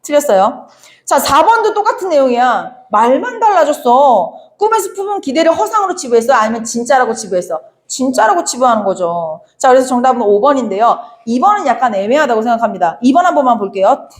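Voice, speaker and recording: Brief: young woman teacher with a bright, high voice, chatty exam-prep lecture, quizzes students as she goes. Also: sing-song. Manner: brisk, chatty, asks students rhetorical questions; acts out quoted lines in playful voices. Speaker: Korean literature teacher. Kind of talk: exam problem walkthrough lecture.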